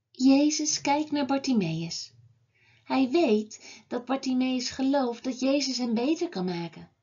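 A woman teaching a children's Bible class, telling a story to children in an expressive way. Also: high voice, breathy edge, dull audio. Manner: slow, expressive, lively telling.

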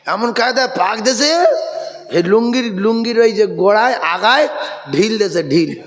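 A man from preaching a lively sermon, playfully telling stories and calling on the crowd to repeat after him. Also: high voice, normal speed, in a large hall. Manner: animated, calls on the crowd to repeat loudly. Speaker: Islamic preacher. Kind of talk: Bengali waz sermon.

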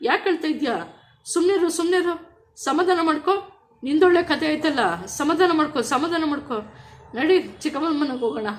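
A woman voicing her worried mother, who urgently repeats short commands to calm her crying daughter. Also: high-pitched, moderate pace, a little hiss or hum, voice pushed up, close to an everyday voice. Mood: urgent coaxing.

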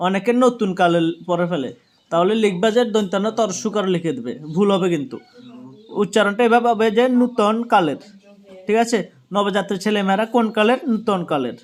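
A young man with a Tripura Bengali accent, a teacher going through exam questions, repeating each answer and asking "right?" often. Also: high voice.

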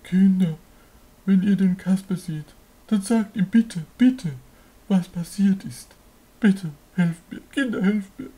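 A man voicing a bewitched, helpless, dim-witted schoolboy in a German puppet show, plaintive and husky. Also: high voice, slow, dark tone, full character voice, poor audio. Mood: pleading.

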